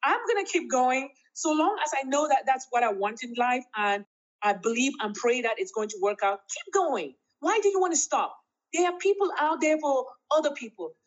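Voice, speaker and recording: A woman's voice: high-pitched, expressive, normal speed, lo-fi sound. A woman in her fifties, an interview guest talking in an emphatic, laughing way with big upward swoops. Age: 50s. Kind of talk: casual interview chat.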